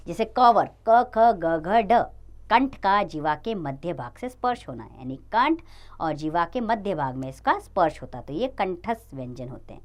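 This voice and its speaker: Lively woman teaching children. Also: fairly low pitch. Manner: addresses children, lively sing-song explaining. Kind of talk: children's grammar lesson.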